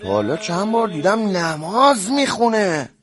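An actor playing a reflective treasure hunter who muses about life and love. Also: male voice, sits high, big pitch swings, a crowd in the background. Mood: musing. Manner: musing, philosophical.

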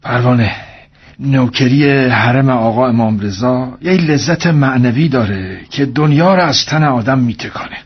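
A man voicing a devoted middle-aged military commander in a story, husky and earnest, a little higher than his narration. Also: highs cut off, lightly acted.

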